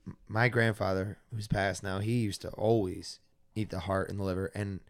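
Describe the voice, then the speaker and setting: A man's voice: low voice, steady tone, moderate pace. Enthusiastic man hosting a podcast. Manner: enthusiastic, rambling, many fillers. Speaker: podcast host. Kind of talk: casual chat.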